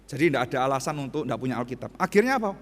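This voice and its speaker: A man's voice: mid-range voice, sing-song, rapid-fire. A man, preaching a sermon to a congregation and telling stories directly to them. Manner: storytelling, addressing the congregation directly. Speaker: pastor. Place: large church hall. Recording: church hall reverb.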